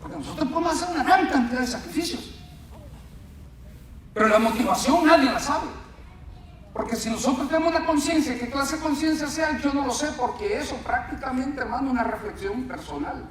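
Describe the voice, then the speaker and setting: A man preaching a sermon in a church, telling stories in a lively way and often calling his listeners brother. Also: very high-pitched, a little fast, distant mic, a little hiss or hum. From Latin America. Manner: storytelling, animated, addresses listeners as brother. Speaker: pastor. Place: church hall. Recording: echoey hall mic, speaker off-mic at times.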